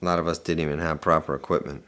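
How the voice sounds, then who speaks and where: An actor playing a soldier with a dark sense of humor, bitter and profane. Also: male voice, rumbling low, level tone, rapid-fire. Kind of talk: dramatic monologue.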